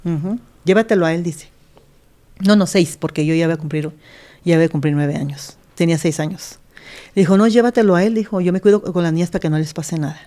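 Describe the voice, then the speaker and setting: A middle-aged woman pastor, appearing as an interview guest, earnestly tells her life story and acts out the voices of the people in it. Her voice sits low, brisk and mellow.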